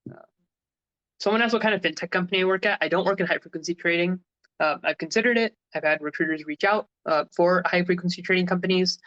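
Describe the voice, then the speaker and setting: Higher-voiced guy hosting a live stream, chatty with lots of ums, dull lo-fi audio. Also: sharp tone, dry recording. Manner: chatty, frequent fillers and restarts. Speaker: host. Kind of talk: casual livestream chat.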